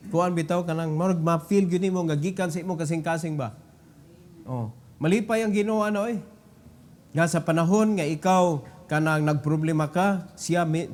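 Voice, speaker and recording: A man's voice: a little high, darkish tone. A man with a Cebuano accent preaching a prayer-meeting sermon, switching into English and building to raised, emphatic stretches.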